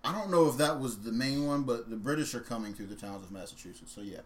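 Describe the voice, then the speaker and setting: A man's voice: medium pitch, fast talker, slight background noise. A man co-hosting a casual talk show, laid-back as he reads out historical dates.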